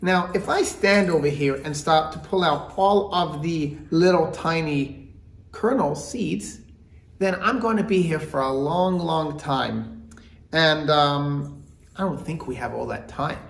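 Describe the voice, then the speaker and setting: A man in his thirties presenting an instructional children's show, with exaggerated sing-song emphasis and drawn-out words. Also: a little high, gravelly. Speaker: children's show host and rabbi. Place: indoor room with mock bakery set. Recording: roomy indoor echo.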